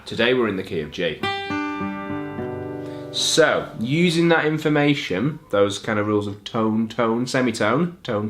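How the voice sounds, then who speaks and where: Relaxed man teaching guitar. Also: lowish voice. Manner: relaxed, explains step by step, checks in with "yeah?" and "okay?". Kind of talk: guitar lesson. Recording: loud guitar music behind the voice.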